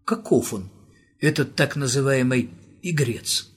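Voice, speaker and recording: Guy doing a mild curious intellectual, measured and a bit husky. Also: medium pitch, expressive.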